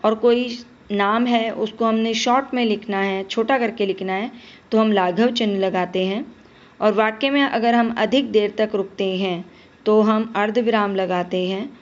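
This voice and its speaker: Her mid-range voice stays fairly even and measured as a woman teaches a Hindi lesson to a primary school class. She patiently addresses the children, asking them questions and then giving the answers. The audio sounds dull.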